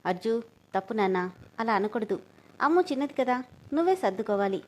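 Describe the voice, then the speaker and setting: A woman voicing a gentle young mother who gently soothes and persuades her child. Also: a little high, animated, fairly quick. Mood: soothing.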